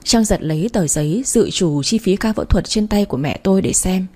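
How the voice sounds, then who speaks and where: A woman narrating a first-person story in a steady, earnest way, reading as an audiobook narrator. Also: medium pitch, a little fast.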